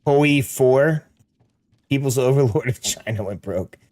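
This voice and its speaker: A man's voice: medium pitch, unhurried, darkish tone. A middle-aged American man chatting casually while gaming, slangy and peppering his talk with dude and like. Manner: slangy, says dude and like often. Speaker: game streamer.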